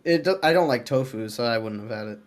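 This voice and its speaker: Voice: mid-range voice, expressive, fast, a loud crowd. A podcast co-host chatting casually, rambling and laughing easily.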